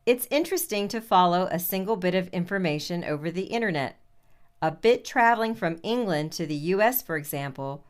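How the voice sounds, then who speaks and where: Clear, lowish-voiced woman reading formally. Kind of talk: scripted narration for listening practice.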